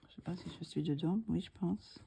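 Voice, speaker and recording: Middle-aged woman host of a coloring tutorial, low mellow voice, calm, thinks aloud, sometimes whispers. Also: vocal fry, husky. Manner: slow, soft-spoken, thinking aloud, drops to whispers.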